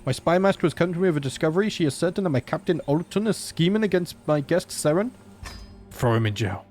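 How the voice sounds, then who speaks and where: A man with a sore throat hosts a gaming channel, giving casual let's play commentary as he plays a strategy game, chatting, joking and reasoning aloud. His pitch is fairly high, his intonation lively, his pace quick and his tone a little mellow, with slight background noise.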